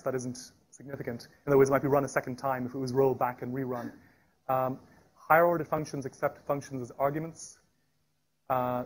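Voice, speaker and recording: A man giving a live technical presentation at a meetup, talking fast with frequent restarts and fillers. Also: medium pitch. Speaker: tech meetup speaker. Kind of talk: live technical talk with demo. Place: meetup room.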